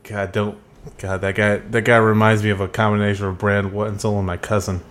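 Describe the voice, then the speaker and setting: A man's voice: lowish voice, flat delivery, a little fast, a bit bright, slight background noise. A young man co-hosting a podcast, chatting casually and ranting with heavy swearing and jokes. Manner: profane, joking rants. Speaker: podcast co-host. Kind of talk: casual chat.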